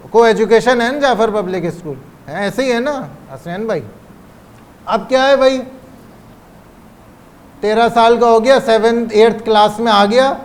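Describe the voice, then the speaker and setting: A man delivers a religious lecture. He poses rhetorical questions and slows down on the phrases he wants to stress. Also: very high voice. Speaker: cleric giving a religious lecture. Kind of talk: Urdu religious lecture on parenting.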